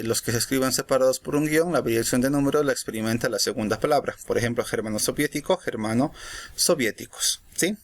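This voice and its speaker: A man teaching a recorded grammar lesson, explaining in a measured way and checking in with short questions. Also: medium pitch.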